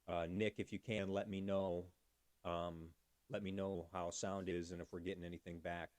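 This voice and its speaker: A man's voice: low-pitched, little pitch movement, normal speed, a little mellow, no echo. A man hosting a casual livestream, chatty, thanking viewers by name and talking through fixing his audio. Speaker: livestream host.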